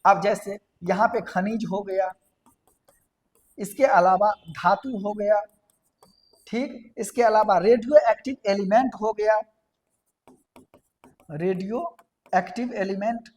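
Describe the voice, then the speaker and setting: A woman's voice: mid-range voice, fairly even intonation, slow pace, pauses often, darkish tone. A woman teaching a science lesson, explaining step by step, putting questions to the class and answering them herself, and repeating key terms. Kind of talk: classroom lecture.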